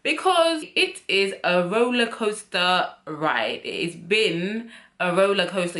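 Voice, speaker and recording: A woman's voice: medium pitch, sharp tone. A woman in her twenties, chatting candidly to camera as a vlogger. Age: 20s. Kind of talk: casual chat to camera. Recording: roomy echo.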